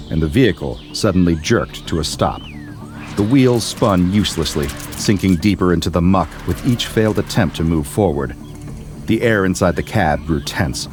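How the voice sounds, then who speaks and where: Deep-voiced male horror narrator. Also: a little mellow. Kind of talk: scripted horror story narration.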